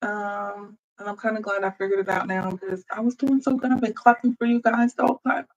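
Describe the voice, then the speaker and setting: Speaking a little fast in a medium pitch with fairly even intonation, this streamer thinks aloud while adjusting computer audio settings. It's casual live stream chat aimed straight at viewers, captured lo-fi through a computer microphone indoors while wearing headphones.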